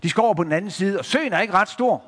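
A man tells a Bible story to children, lively and speaking straight to his listeners as he shows pictures. His voice sits high for a man, and a long hall reverb trails each phrase. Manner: lively, addressing listeners directly, showing pictures.

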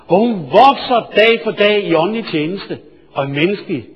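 A male preacher telling a sermon story, swinging from hushed asides to loud, excited storytelling. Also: high-pitched, crowd noise. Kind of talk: sermon with anecdote. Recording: reverberant hall, dull lo-fi sound.

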